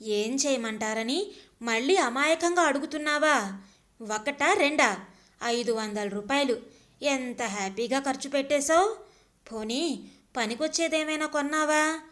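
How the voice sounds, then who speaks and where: A woman's voice: sits high, unhurried, pauses often, a bit bright. A woman voicing a scornful husband who scolds and mocks his wife. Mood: mocking. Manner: sneering, scolding.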